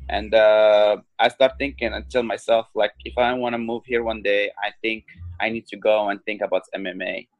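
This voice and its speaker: A man in his twenties from Morocco, a guest on a podcast, telling his story in a halting way with many ums and restarts. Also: fairly low pitch, level tone, dry recording, muffled recording. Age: 20s. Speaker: guest, professional fighter. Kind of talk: casual interview talk.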